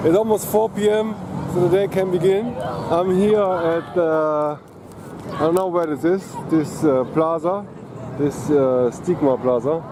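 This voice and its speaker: Man vlogging over loud street noise. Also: a little high, fairly even intonation, a little slow. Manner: rambling, hesitant, with many uh's. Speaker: travel vlogger. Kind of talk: casual travel vlog commentary. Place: outdoors in a busy city. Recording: noisy outdoor city recording. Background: street noise and traffic.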